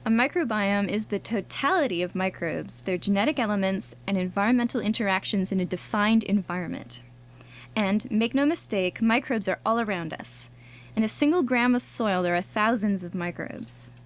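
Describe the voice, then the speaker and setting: A woman co-hosting a science radio show in a studio, explaining things conversationally in a bright, curious manner. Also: mid-range voice, moderate pace. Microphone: studio microphone.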